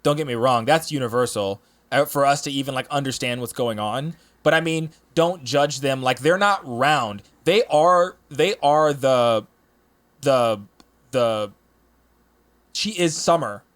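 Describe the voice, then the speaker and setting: A man's voice: mid-range voice, measured pace, fairly bright tone. A man talking casually on a podcast panel, rambling with lots of restarts and fillers. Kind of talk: casual chat.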